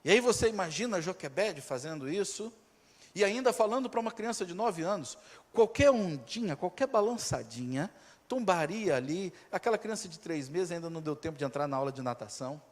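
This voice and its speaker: A male pastor with a Brazilian accent preaching a sermon, telling the story dramatically, swinging from loud to hushed. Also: sits high, animated, fairly quick. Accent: Brazilian Portuguese. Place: church. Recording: reverberant church hall.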